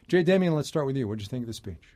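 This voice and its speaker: A man hosting a radio news program, asking a panel of guests questions in a measured, conversational way. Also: mid-range voice, very animated, dark tone, dry recording. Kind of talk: broadcast panel interview.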